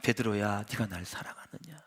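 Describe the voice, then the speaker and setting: A man voicing a gentle, persistent male teacher who keeps asking his disciple about love, with pleading, rising questions. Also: on the low side, a little fast, vocal fry, slightly rough, voice pushed down, heavily acted. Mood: tender. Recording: echoey church hall.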